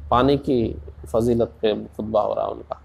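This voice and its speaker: A man preaching in a slow, deliberate way, asking rhetorical questions and rising into passionate emphasis. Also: on the low side, steady tone, gravelly, a little mellow, a little hiss or hum. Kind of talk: Urdu sermon.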